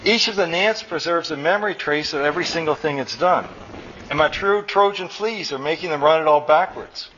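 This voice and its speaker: A manic, triumphant male inventor, put on by a man reading aloud, raising his voice a little above his plain tone as he rushes through his explanations. The sound is dull and lo-fi, with a faint hiss underneath. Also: mid-range voice. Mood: excited. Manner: excited, whooping, rapid. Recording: dull lo-fi live recording.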